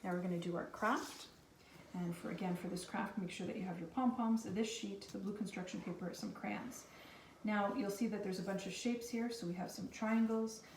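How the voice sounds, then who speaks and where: A woman's voice: mid-range voice, a little mellow. A woman teacher giving a casual craft lesson to young children, with simple, reassuring step-by-step instructions. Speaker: kindergarten teacher. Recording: echoey room, distant mic, faint noise.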